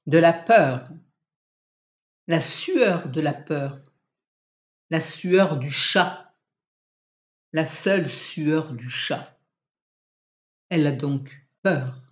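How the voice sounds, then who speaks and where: A man's voice: on the high side, lively intonation, drawn-out words, long pauses. A reader voicing Alain, an anxious young husband fussing over his injured cat, speaking urgently and sharply. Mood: harsh.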